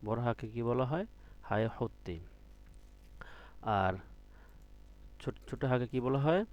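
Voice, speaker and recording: A man with a mid-range voice and lively intonation leads an online Quran reading lesson on Arabic letters, patiently quizzing students again and again and stretching each letter sound in demonstration. The recording is muffled.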